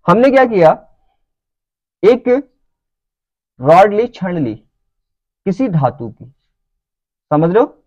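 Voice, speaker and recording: Man lecturing a class, high pitch, dry sound, frequent comprehension checks. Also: big pitch swings, slow, pauses often, darkish tone, no echo, muffled recording. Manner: checks understanding with repeated questions. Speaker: teacher.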